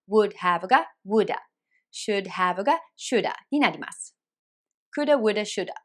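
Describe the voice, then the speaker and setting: A woman teaching English pronunciation in an online lesson, explaining clearly and repeating example phrases slowly. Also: medium pitch, sharp tone. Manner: clear, careful explanations with slow repeated demonstrations.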